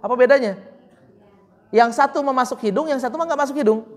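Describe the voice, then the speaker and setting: A woman teaching Quran recitation, patiently correcting a student and slowly demonstrating sounds. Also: high-pitched, big-room sound. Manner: drawn-out chanted example words. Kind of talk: online recitation correction lesson.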